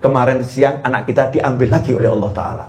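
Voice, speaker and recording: A male preacher giving a lively sermon into a handheld mic, swinging from high exclamations to low drops. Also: fast talker. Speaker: Islamic preacher.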